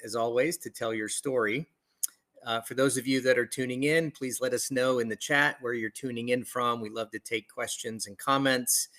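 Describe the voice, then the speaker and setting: A man's voice: mid-range voice, pushed and bright. A man hosting a live podcast over a video call, welcoming listeners with upbeat enthusiasm. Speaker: podcast host.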